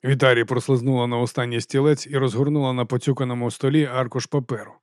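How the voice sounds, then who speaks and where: A man with a mid-range voice narrates an audiobook from a script, reading in a measured, expressive way, with clean studio sound and no room sound.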